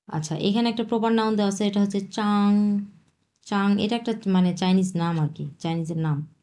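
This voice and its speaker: A woman's voice: medium pitch, fairly even intonation, mellow. Patient woman teaching Chinese. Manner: patient, repeats words slowly and breaks them into tones. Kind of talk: language lesson explaining vocabulary.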